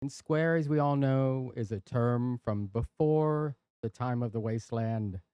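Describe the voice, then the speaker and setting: A male stream host chats at an unhurried pace in a warm, mellow voice, playful and jokey as he reads out viewer jokes. The sound is dry and close, with no room echo. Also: medium pitch, smooth. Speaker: livestream host. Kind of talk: casual chat on a live stream. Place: workshop and studio.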